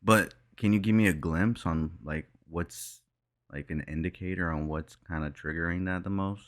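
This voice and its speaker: A young man with a very low voice that still sounds bright and forceful. He chats casually as a podcast co-host, slangy and quick to swear. He drops "bro" into nearly every thought. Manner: slangy, swears freely, says "bro" a lot. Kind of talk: casual chat.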